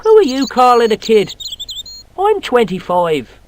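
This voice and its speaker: A man's voice: very high voice, wildly swooping pitch, unhurried, slight background noise, full character voice. A man voicing a cheeky, boastful Irish boy who tells tall tales in broad colloquial speech, with an Irish accent, in a video game. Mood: defiant.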